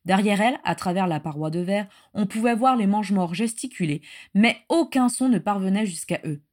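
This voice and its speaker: A woman reading a story aloud in steady narration. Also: medium pitch, a little fast. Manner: steady narration with acted dialogue. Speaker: story reader. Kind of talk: reading fan fiction aloud.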